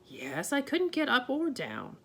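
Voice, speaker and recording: A woman reads aloud, giving full character voice to a tiny, plain-spoken borrower father who offers calm reassurance in homely, ungrammatical phrases. Her delivery is high-pitched, unhurried and husky, with a steady mood.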